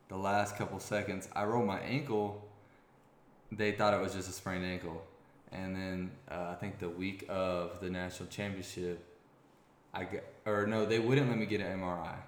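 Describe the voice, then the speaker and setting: A young man, a former quarterback, tells a long story in a casual interview, rambling with restarts. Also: low-pitched. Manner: rambling, many restarts, grows excited. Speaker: former college quarterback guest. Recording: echoey room.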